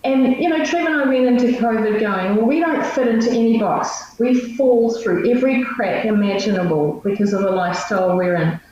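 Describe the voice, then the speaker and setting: Casting: New Zealand woman, higher-pitched, chatty informal storyteller, heard in a very echoey space. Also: normal speed, few pauses, a little mellow. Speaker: missionary guest. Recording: echoey, muffled, distant, faint noise.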